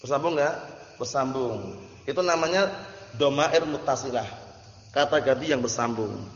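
A man's voice: medium pitch, normal speed. A male Arabic teacher with an Indonesian accent, running a classroom lesson and drilling his students with repeated questions. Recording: roomy muffled hall recording.

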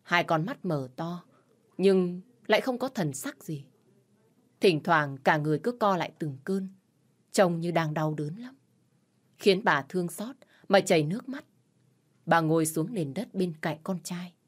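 A woman narrating an audio story in a steady, measured way. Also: lowish voice.

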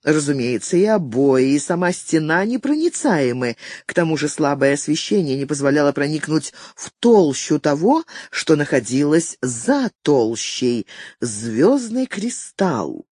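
A narrator reading a novel aloud in a measured, expressive audiobook style. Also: mid-range voice, no room sound, studio quality.

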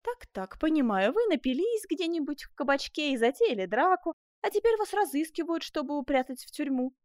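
A woman's voice: sits high, big pitch swings, fairly quick, dry recording, studio quality, voice pushed up. A woman voicing a coquettish young seamstress who teases her lover, in a storybook reading. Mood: teasing. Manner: coquettish, teasing.

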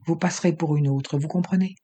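A hushed, urgent male rescuer disguised as a prison guard in a storybook, as a male narrator puts him on. He gives quick, calm orders under his breath, in a mellow, slightly husky voice. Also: fairly high pitch. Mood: reassuring instructions.

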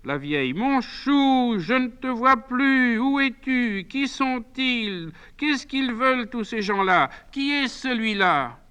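A man's voice: very high-pitched, animated, takes it slowly, few pauses, sharp tone, smooth, heavily acted. A man reading a play aloud and voicing a frail, fretful very old woman who asks plaintive, anxious questions.

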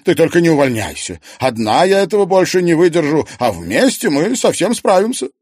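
A man voicing a plump, chatty young woman who works in a museum, speaking in a shrill, emphatic way. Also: very animated, a little fast, a little mellow, breathy edge, no room sound, studio quality.

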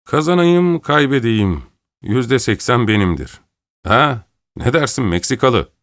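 A man voicing a boastful, quick-tempered male boxer who talks in a pushy, blustering way. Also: medium pitch, animated, no room sound, clean studio sound, pitched above the performer's own voice.

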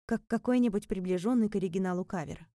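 A woman's voice: mid-range voice, quick pace, mellow, dry recording, studio quality. A woman narrating a story in the first person, with a wry tone. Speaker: audiobook narrator. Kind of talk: scripted narration.

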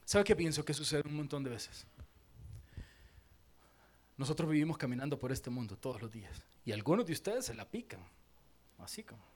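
A man preaching a sermon, with a voice that sits high for a man. He is animated and playful, slipping into little acted-out scenes and putting questions straight to his congregation. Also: moderate pace, long pauses. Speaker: pastor.

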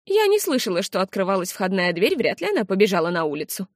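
A woman's voice: mid-range voice, sing-song, fast talker, dry recording. A woman voicing a stern older aunt who speaks firmly and reproachfully. The sound is dry and close. It is storybook reading. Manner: firm, reproachful.

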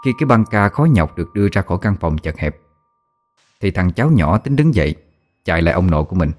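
A man narrating a story in a steady, dramatic storytelling manner. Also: low-pitched, fast talker.

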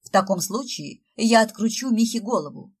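A woman's voice: lowish voice, animated, normal speed, slightly rough. A woman reading the part of a playful, teasing man who works as Father Frost, with joking, mock-solemn delivery. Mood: mock-serious.

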